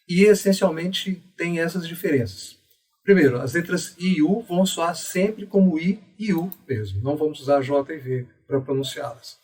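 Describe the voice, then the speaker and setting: Brief: Brazilian male teacher, slightly high husky voice, methodical step-by-step delivery, mic a bit distant. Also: a little mellow. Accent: Brazilian Portuguese. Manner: methodical, explains step by step and pronounces examples slowly. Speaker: educator explaining Latin pronunciation. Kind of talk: didactic video lesson.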